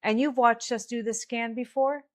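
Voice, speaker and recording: A woman's voice: fairly high pitch, steady tone, moderate pace. A woman hosting a live Q&A stream, chatting casually and giving health advice to callers.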